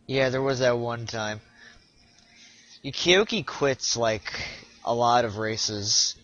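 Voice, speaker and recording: Young male streamer, bright voice, stop-start casual chat, muffled lo-fi stream audio. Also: medium pitch. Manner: chatty, halting, frequent restarts and repeats. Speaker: speedrunner streaming live.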